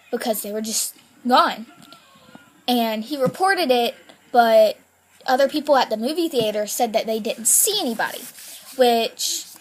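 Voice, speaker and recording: A woman vlogger recounting a creepy tale in a loose, chatty manner, leaning on "like" and "kinda". Her voice sits a little high, and she takes her time. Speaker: YouTuber. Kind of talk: casual storytelling vlog.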